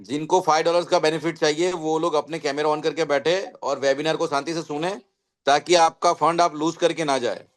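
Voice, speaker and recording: A man organizing a webinar, briskly giving polite instructions and greetings to the attendees. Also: fairly high pitch, steady tone. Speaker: academy head addressing the webinar. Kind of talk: webinar announcements. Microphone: online webinar call.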